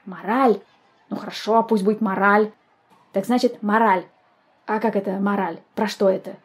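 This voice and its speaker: A woman voicing a bossy schoolboy who chairs a noisy meeting, shouting orders over the crowd. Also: medium pitch, steady tone, moderate pace, breathy edge, close to an everyday voice. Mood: puzzled bossy. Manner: shouting over noise, commanding.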